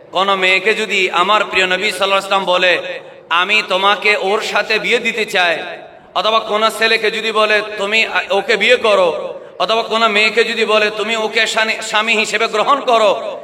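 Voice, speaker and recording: High, bright-voiced preacher man in a reverberant hall. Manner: calls out questions for the crowd to answer, swings into sung chanting and shouts. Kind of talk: Bengali waz sermon.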